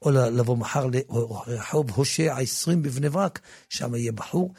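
A man preaches with a gravelly, husky voice, dropping to a low murmur and then rising to loud, emphatic bursts. He restarts and repeats words as he goes. The studio sound is dry and close, with faint music underneath. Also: no echo. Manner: frequent repetitions and restarts. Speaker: religious teacher. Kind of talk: impassioned religious talk with book promotion.

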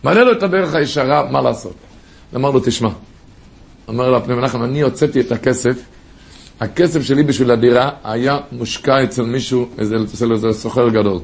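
A man preaching a sermon through stories, telling them with passion and rising to high cries. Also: gravelly.

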